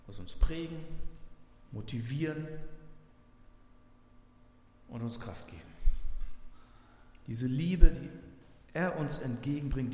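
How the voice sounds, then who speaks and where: A man preaching a sermon as pastor, earnest, slowing down to stress scripture he reads aloud. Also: medium pitch, darkish tone, slight background noise. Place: church. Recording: echoey church hall with faint ambience.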